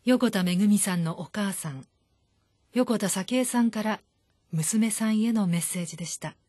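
A woman radio announcer reading a formal broadcast statement in a measured way. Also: mid-range voice, mellow, dry recording, clean studio sound. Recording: voice over background music.

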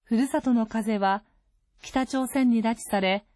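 Woman, radio announcer, formal scripted delivery, dry studio sound, mellow tone. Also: a little high, dry recording, faint music behind. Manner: calm, formal, measured.

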